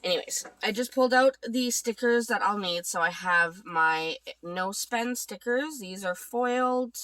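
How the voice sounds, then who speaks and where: A woman's voice: medium pitch, measured pace, a bit bright, no room sound. A congested woman recovering from a cold, chatting casually about her weekly budget as she works through her planner. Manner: chatty, thinking aloud while working. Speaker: vlogger.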